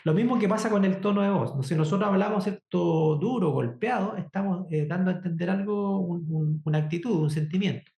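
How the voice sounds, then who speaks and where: A sign language instructor, teaching a workshop lesson with deliberate explanations and frequent check-ins with the class. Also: mid-range voice, darkish tone. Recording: echoey room.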